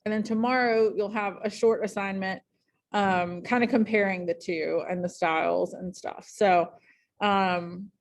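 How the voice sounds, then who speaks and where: A woman teaching a high school English class in a casual, chatty way, full of ums and likes, speaking in a classroom. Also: steady tone, a little slow. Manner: chatty, many fillers like um and like.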